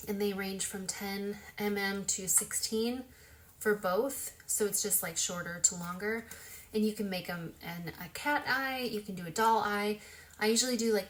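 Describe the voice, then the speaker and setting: A woman's voice: mid-range voice, fairly bright tone. Young woman casually talking thru her makeup routine at home, chatty, laughs at herself, faint hiss behind. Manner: chatty, self-deprecating, talks while working. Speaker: makeup vlogger. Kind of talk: casual tutorial chat.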